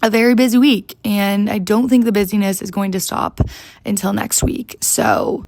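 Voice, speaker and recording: A young woman hosting her podcast with a hoarse, gravelly rasp to her voice. She rambles in a chatty, casual way, dropping "like" constantly. The sound is close and dry. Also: medium pitch, fairly even intonation, normal speed, darkish tone, no echo. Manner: chatty, rambling, heavy use of "like". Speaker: podcast host. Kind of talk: casual solo chat.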